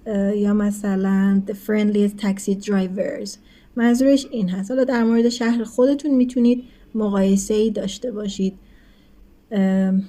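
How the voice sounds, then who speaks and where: A woman teacher explaining English grammar in a recorded lesson, speaking quickly in her explanations and slowing right down for English examples, often checking in with her students. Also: mid-range voice, mellow. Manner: switches between quick explanations and slow, deliberate English examples; addresses students as kids, asks rhetorical checks.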